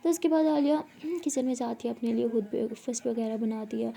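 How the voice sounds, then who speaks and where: A woman's voice: fairly high pitch, steady tone, fairly quick, vocal fry, mellow. A young woman casually telling a love story aloud, voicing the characters' dialogue herself with small shifts.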